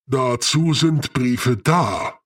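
Man voicing a slow, calm clay golem. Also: mid-range voice, husky, distant mic, pitched below the performer's own voice, exaggerated voice. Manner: slow, even and unshakably calm. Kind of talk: audiobook character voice.

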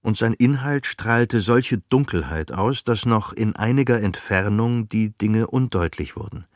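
A man narrating a novel as an audiobook in a measured, even storytelling manner. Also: on the low side, no room sound, studio quality. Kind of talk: scripted narration.

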